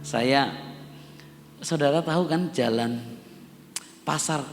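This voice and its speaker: Slow and fairly high-pitched, this middle-aged man from Java, Indonesia, is a pastor preaching in a church hall with music in the background. He calls out to his congregation again and again, building to emphatic peaks, amid long reverb and a faint instrument.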